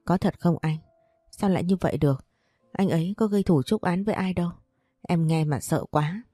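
A woman voicing a frightened young wife who speaks softly and trembles, in a storybook reading. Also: lowish voice, a little fast, no room sound, faint music behind, lightly acted.

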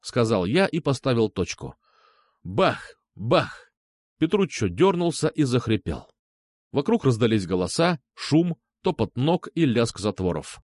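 A man narrating a first-person crime audiobook with a dramatic, expressive reading. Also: medium pitch, measured pace, no room sound, clean studio sound.

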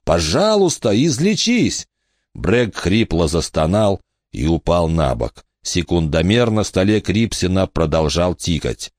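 A man narrating an audiobook in a steady, measured reading. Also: deep voice, no room sound, clean studio sound.

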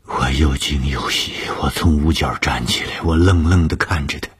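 A man narrating a first-person audiobook story, slow and often breathy, sometimes half-whispered. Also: a bass voice.

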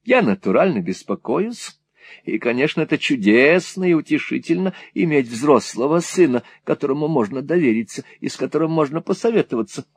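A man's voice: on the high side, expressive, a little fast, breathy edge, dry recording, clean studio sound. A man reading an audiobook, voicing a rambling, scatterbrained middle-aged mother who drifts from topic to topic. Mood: chattering. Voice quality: rambling, breathless digressions.

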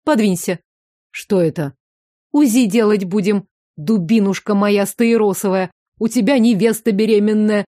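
A woman voicing a brisk, teasing middle-aged woman doctor who grumbles and jokes as she works. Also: medium pitch, dark tone, no room sound, studio quality, close to an everyday voice. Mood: bustling.

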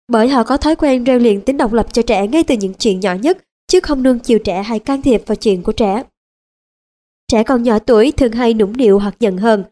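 A woman reading a nonfiction audiobook as narrator, in an even, measured way. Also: fairly high pitch. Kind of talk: scripted narration.

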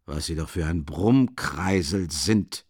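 A man reading an audiobook, voicing an older male investigating judge who speaks softly and insinuatingly with a mocking chuckle. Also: takes it slowly, husky, dry recording, clean studio sound, heavily acted. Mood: sly. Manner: low, soft, chuckling, insinuating. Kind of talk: audiobook character voice.

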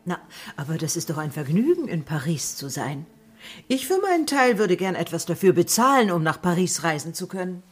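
An actress playing an ambitious, scornful banker's wife in a radio play. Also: female voice, low-pitched, big pitch swings, moderate pace, hardly any pauses, dark tone, slightly rough, faint music behind, heavily acted. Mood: eager.

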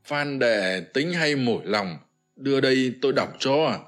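A man voicing a calm, chiding general. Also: medium pitch, unhurried, faint music behind, lightly acted. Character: steady male general, elder comrade. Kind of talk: scripted narration of a historical novel.

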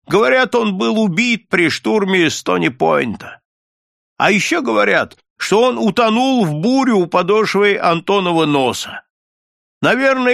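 A man voicing an elderly male villager with a thin, raspy voice, telling the news loudly and with emphasis. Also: high-pitched, no room sound, studio quality, pitched above the performer's own voice, full character voice.

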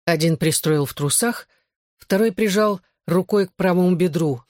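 A man's voice: high voice, normal speed, darkish tone, dry recording, clean studio sound. Man reading a tense first-person novel. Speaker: audiobook narrator.

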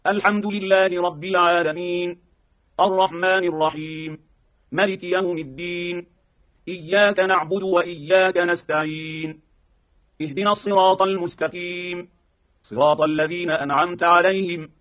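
A man reciting scripture in a measured chant, from an old radio archive. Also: high-pitched. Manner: chanted, even, measured delivery. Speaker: Quran reciter. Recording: dull lo-fi archive radio recording.

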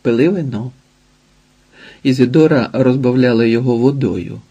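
A man reading a novel aloud as an audiobook narrator, measured and steady. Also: medium pitch, husky, muffled recording.

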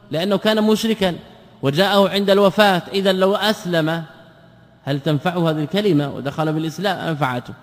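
A man, a sheikh, giving a classroom lesson, explaining points by asking and answering his own questions. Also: a little high. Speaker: sheikh teaching a text. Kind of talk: classroom lesson on creed and grammar. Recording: long hall reverb.

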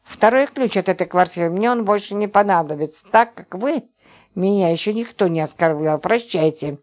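A woman's voice: mid-range voice, normal speed, lightly acted. A woman voicing a naive, easily offended young woman in an audiobook, reading her lines in a touchy, indignant manner.

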